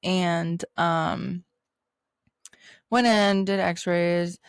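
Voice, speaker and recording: Young woman, podcast host, low-ish voice, gravelly fry, dry close sound, chatty and rambling. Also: fairly even intonation, extremely slow, dry recording. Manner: chatty, heavy use of "like", laughs while telling stories. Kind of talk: casual storytelling chat.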